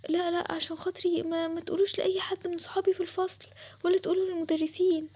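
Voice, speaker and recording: Casting note: a woman voicing a showy, quick, high-pitched Egyptian schoolgirl who boasts, for a role-play drama voice-over. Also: fairly even intonation, muffled recording, lightly acted. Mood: pleading. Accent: Egyptian Arabic. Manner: show-off, then pleading and soft. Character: boastful schoolgirl pretending to be rich.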